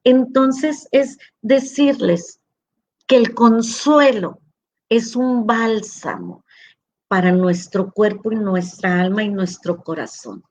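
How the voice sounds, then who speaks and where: A middle-aged woman, a school rector, giving a slow heartfelt talk on emotions, telling anecdotes and acting out quoted dialogue. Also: mid-range voice, animated, darkish tone. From northwestern Mexico. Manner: tender, acts out quoted dialogue.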